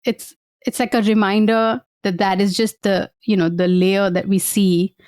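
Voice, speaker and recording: A woman speaking as a guest therapist, explaining reflectively in a halting, conversational way and often checking in with the listener. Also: medium pitch, little pitch movement, darkish tone, no room sound, studio quality. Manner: thoughtful, halting, often checks in with "right?" and "you know".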